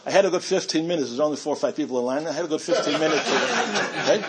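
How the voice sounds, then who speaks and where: A man's voice: on the high side, rapid-fire, very noisy. A middle-aged man giving a storytelling talk to a community audience, chatty and self-amused, with frequent restarts.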